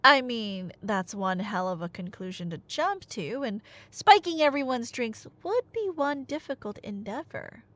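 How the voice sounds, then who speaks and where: A fairly high, fairly bright, expressive woman's voice runs at a measured pace with hardly any pauses, close to the mic and free of echo. In this ASMR roleplay she's a nerdy girlfriend eagerly retelling Greek myths to a listener, casual, playful and teasing with dramatic emphasis.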